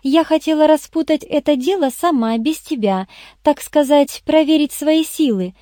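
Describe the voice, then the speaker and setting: A woman's voice: high-pitched, normal speed, warm tone, no echo, studio quality, voice pushed up, close to an everyday voice. A woman voicing a young female detective's assistant who purrs and pleads in a coaxing way in an audiobook. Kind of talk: audiobook character voice.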